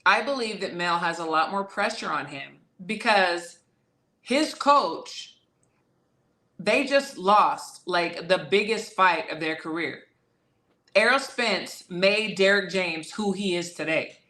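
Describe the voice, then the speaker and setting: A woman boxing trainer talks through a fight in a relaxed, conversational way, repeating her key phrases for emphasis. Her voice sits fairly low yet sounds bright and forward. The room around her is noticeably echoey. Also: slow. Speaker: boxing trainer and guest analyst. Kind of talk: casual boxing analysis.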